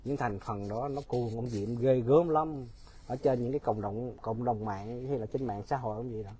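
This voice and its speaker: A man's voice: mid-range voice, normal speed, dark tone, slight background noise. A man giving casual, mocking political commentary straight to his viewers, often laughing.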